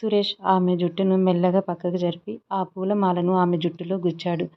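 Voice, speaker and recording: A woman reading a romantic short story aloud in a calm, even narrating voice. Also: on the low side, a little fast. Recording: dull lo-fi audio.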